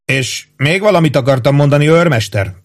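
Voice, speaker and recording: A man's voice: mid-range voice, lively intonation, pitched above the performer's own voice, lightly acted. A man reading an audiobook, voicing a pompous, fussy middle-aged army captain with a raised, insistent, self-satisfied voice. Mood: bossy.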